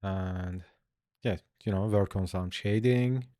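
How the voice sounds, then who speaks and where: A young man chats easygoing and unhurried while he draws on a livestream, answering viewers as they type. His voice sits a bit low. The sound is close and dry, with no room around it. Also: dark tone, dry recording. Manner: laid-back, chatty, answers chat aloud. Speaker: art streamer. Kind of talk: casual livestream chat while drawing.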